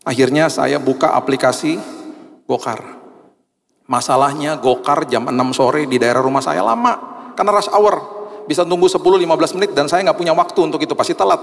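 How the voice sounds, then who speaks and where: A pastor preaching a sermon in a large church, telling a personal story in a colloquial, humorous way. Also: male voice, fairly high pitch, a little fast, gravelly. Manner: humorous, colloquial, acts out quoted voices. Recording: long reverb of a large church hall.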